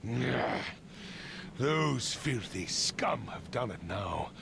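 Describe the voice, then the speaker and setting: Gravelly, vengeful grieving patriarch. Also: male voice, mid-range voice, very animated, extremely slow, noisy background, full character voice. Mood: bitter, vengeful. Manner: theatrical, bitter, swinging from hushed to forceful. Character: grieving, vengeful, proud patriarch of wealthy family. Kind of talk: video game character acting.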